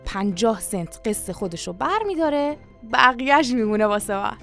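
Lady doing a bragging country dad, all eager and coaxing, kinda high voice, soft music behind. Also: animated, vocal fry. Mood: eager boasting. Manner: eager, coaxing, boastful salesman talk. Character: boastful scheming country father, middle-aged man.

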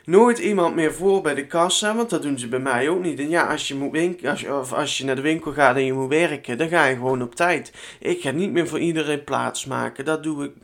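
A man's voice: on the high side, vocal fry, fairly bright tone. A young Dutch man hosting his own podcast from home, chatting in a rambling, chatty way and swearing casually. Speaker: podcast host. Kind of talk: casual solo podcast chat.

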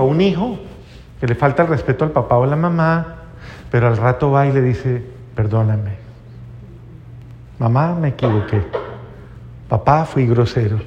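A man preaching a sermon emphatically, swinging between loud and hushed delivery. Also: on the high side. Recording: dull audio with long hall reverb.

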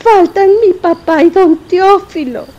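Una mujer con acento mexicano que da voz a una madre fantasma angustiada y teatral. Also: female voice, very high-pitched, unhurried, dark tone, lo-fi sound, slight background noise. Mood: fretful. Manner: theatrical, wailing, fretful. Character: anxious dramatic ghost mother.

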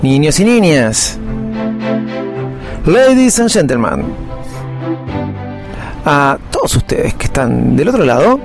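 Argentine man, high-pitched ringmaster-style announcer. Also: huge pitch swings, slow, vocal fry, pauses often, music in the background. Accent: Argentine Spanish. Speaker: podcast host. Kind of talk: theatrical podcast introduction.

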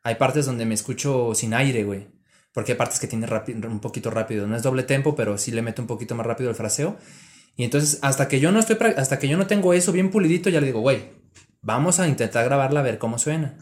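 A man's voice: mid-range voice, quick pace. A young man with a Mexican accent, a rapper chatting casually in an interview and peppering his talk with slang. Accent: Mexican Spanish.

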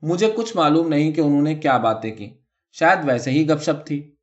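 A hot-tempered tonga driver, a grown man seething with jealousy, as a storyteller puts him on. He talks in a heated, indignant way, a touch lower than the reader's own voice. The audiobook recording sounds dull and lo-fi. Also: animated, lightly acted. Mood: brooding.

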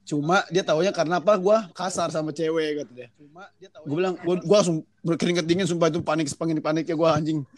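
Swearing at every turn, a young man with a high-pitched voice speeds through a casual chat about something embarrassing from his childhood. He sounds lively and keeps making fun of himself.

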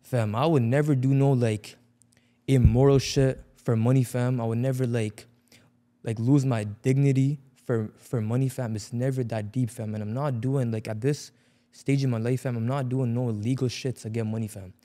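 A young man speaks in a mellow, relaxed voice with a Toronto street accent. He chats casually at middling pitch, leaning on slang and repetition to press his point. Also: normal speed. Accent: Toronto urban slang accent. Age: young adult. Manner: slang-heavy, emphatic repetition. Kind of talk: casual chat.

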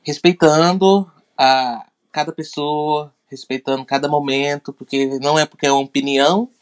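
A Brazilian man co-hosting a podcast in casual chat, often halting and repeating words as he explains. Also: on the high side, steady tone, clear, resonant tone. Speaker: podcast co-host.

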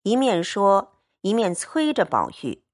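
A woman narrates a classic novel in a measured storytelling reading. She takes her time, and her pitch rises and falls with lively expression.

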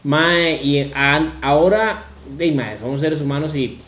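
A Costa Rican man with a Costa Rican accent, a comedian chatting casually and relaxed on a podcast, full of slang. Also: a little high, unhurried, roomy sound, a little hiss or hum. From Costa Rica. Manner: slangy, relaxed, says 'mae' constantly. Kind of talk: casual chat.

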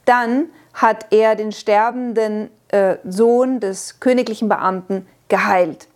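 A woman teaches a Bible passage in a measured sermon style, explaining each point earnestly. Her voice sits in a middle register and lifts higher when she stresses a key idea. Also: steady tone, darkish tone.

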